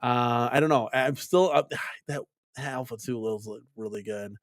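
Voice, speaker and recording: Speaking a bit slowly in a mid-range voice, this arcade collector hosts a live stream, rambling in a relaxed way full of "like," "right?" and repeated words. The recording is dry and studio quality.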